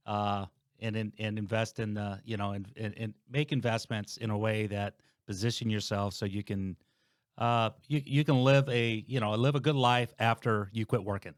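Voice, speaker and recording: Late-50s male podcast guest, low-pitched, meandering and dry-sounding. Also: steady tone, normal speed, dry recording. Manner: rambling, restarts, thinking aloud. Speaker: guest, host's father. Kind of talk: casual podcast chat.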